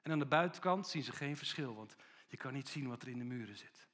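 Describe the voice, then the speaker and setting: A man preaching a sermon with animated storytelling, acting out the people he quotes. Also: medium pitch, fast talker.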